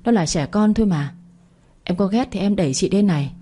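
Woman reading as a false, tearful young schemer in a storybook, whimpering pleas, husky voice. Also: mid-range voice, expressive, a little fast, warm tone. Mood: pleading. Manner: whimpering, pleading.

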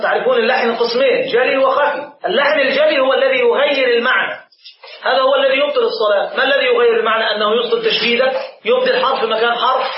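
High-voiced quick sheikh teaching in an echoey room. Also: male voice, muffled recording, a little hiss or hum. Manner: animated teacher, demonstrates pronunciation slowly, answers questions. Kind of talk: religious lesson to a live class.

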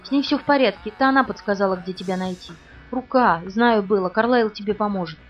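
Female reader doing a desperate young man in love, pleading, brisk audiobook delivery. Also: medium pitch, highs cut off, faint music behind, close to an everyday voice. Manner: pleading, tender.

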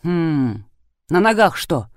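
A woman voicing a terse male yard keeper who asks dry, clipped questions in a lowered voice. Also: sing-song, slow, no echo, heavily acted.

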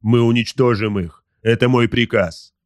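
A man's voice: medium pitch, steady tone, moderate pace, no echo, studio quality, lightly acted. A man voicing an arrogant, wrathful space marine captain in an audiobook, barking orders. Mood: commanding. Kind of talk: audiobook character voice.

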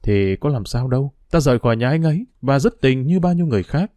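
A man's voice: medium pitch, lively intonation, fast, no echo, lightly acted. A man voicing a weary young woman who pleads earnestly but firmly with her mother, in a storybook reading. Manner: earnest, pleading, quietly firm. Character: young woman, weary, firm, resigned daughter.

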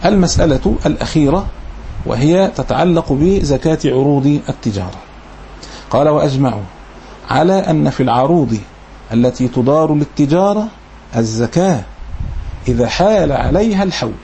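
A man's voice: fairly high pitch, lively intonation, moderate pace, gravelly, long pauses, dark tone, slight background noise. Egyptian man teaching a religious lesson. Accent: Egyptian Arabic. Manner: explains in colloquial asides after reading formal passages; repeats key phrases for emphasis. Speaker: Islamic lecturer.

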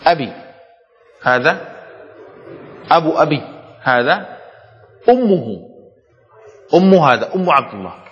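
A man teaching Islamic law in a classroom, repeating key terms and often checking that students follow. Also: on the high side. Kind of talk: classroom lecture explaining a text. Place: classroom with a board. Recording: dull echoey hall sound.

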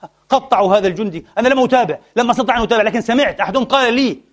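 In an impassioned Friday sermon, a man speaks to his brothers with sorrow and frustration, alternating hushed and forceful delivery. His pitch is extremely high and he races through his words.

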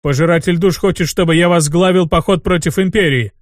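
A man's voice: sits high, steady tone, fairly quick, dry recording, studio quality, lightly acted. A man reading a solemn troll chieftain. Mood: exalted. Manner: reverent, ceremonious speech. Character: solemn old troll chieftain, wily and fawning.

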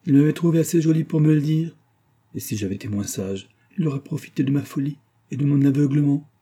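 A man's voice: fairly high pitch, fast talker, mellow, husky, voice pushed up. A man voicing a proud young peasant woman, the miller's daughter, boasting of her suitor in a storybook reading. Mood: triumphant.

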